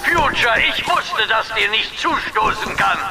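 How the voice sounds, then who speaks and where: Booming metallic robot. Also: male voice, lively intonation, unhurried. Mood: hearty. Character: booming, deafeningly loud male robot, hearty and loyal. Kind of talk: audiobook reading.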